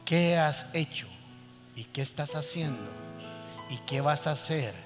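A man with a high voice preaches a sermon with animated energy, acting out the people in his stories. His voice carries a long hall reverb, with faint music underneath. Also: unhurried. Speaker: pastor.

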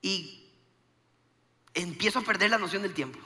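Animated comedian, high bright voice. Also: male voice, normal speed, long reverb tail. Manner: animated, acts out every line of dialogue. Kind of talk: stand-up storytelling.

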